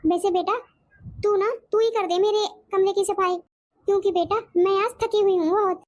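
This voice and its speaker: A woman's voice: very high-pitched, fairly even intonation, normal speed, darkish tone, no echo, clean studio sound. A woman voicing a stubborn, bitter older mother-in-law in a cartoon, scolding and complaining. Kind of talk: cartoon voice acting.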